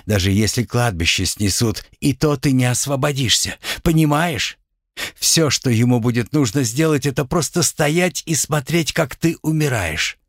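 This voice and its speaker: A man voicing an anxious, tender young witch who pleads in an urgent, hushed way. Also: mid-range voice, animated, normal speed, dry recording, clean studio sound, voice pushed up.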